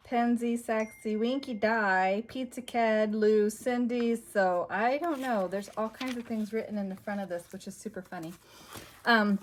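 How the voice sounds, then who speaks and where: A woman's voice: mid-range voice, a little hiss or hum. A woman hosting a crafting channel, chatting casually while out of breath, scattered and apologetic as she thinks aloud. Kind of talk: casual chat.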